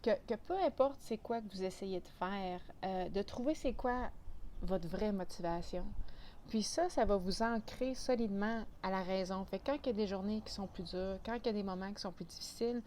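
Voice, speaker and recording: A woman's voice: mid-range voice, moderate pace, a little mellow, a little hiss or hum. A woman with a Quebec French accent talking casually to camera as a vlogger, chatty and full of restarts and fillers.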